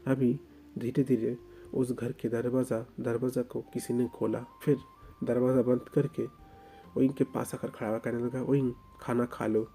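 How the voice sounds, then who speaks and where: A man reads a romantic fan story aloud as dramatic narration. He leans on words and pauses for effect, in a very dark, warm tone. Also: mid-range voice, flat delivery, faint music behind. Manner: emotive, emphatic, with pauses.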